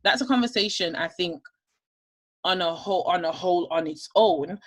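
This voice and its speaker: A woman's voice: lowish voice, normal speed. A woman co-hosting a candid discussion podcast, making her case emphatically and point by point. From United Kingdom. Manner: emphatic, lays out points one by one. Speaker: podcast co-host.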